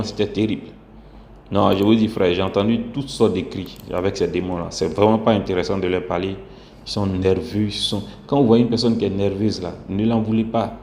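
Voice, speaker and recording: A man giving a spoken religious testimony, halting and full of fillers and restarts. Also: fairly low pitch, gravelly, darkish tone. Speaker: testimony speaker. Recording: echoey room with faint background hum.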